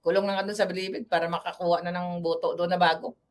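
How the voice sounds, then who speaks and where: A woman's voice: on the low side, flat delivery, quick pace. A woman from the Philippines giving a blunt, combative political commentary monologue, chatting freely and switching between Tagalog and English.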